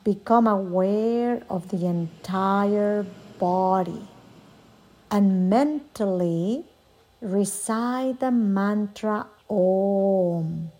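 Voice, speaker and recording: A woman softly and soothingly guiding a yoga nidra relaxation as the instructor, leaving long pauses between phrases. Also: mid-range voice, rough recording. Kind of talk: guided relaxation meditation.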